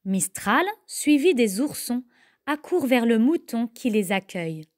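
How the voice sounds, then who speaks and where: A mother reading a children's story aloud in a slow, expressive storybook manner. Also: a little high. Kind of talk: storybook narration.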